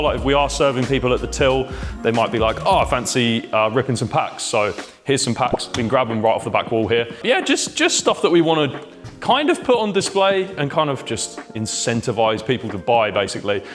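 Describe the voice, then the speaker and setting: A man's voice: mid-range voice, very animated, moderate pace, soft background music. A man giving a casual, informal video tour to camera indoors, explaining things in loose, filler-laced phrases. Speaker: vlogger and shop owner. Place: indoors in a shop being fitted out.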